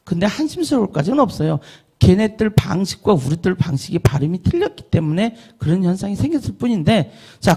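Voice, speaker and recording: A man's voice: sits high, darkish tone, breathy edge. A middle-aged man lecturing an audience on learning English. He asks the listeners questions, answers them himself, and drills vowel sounds aloud.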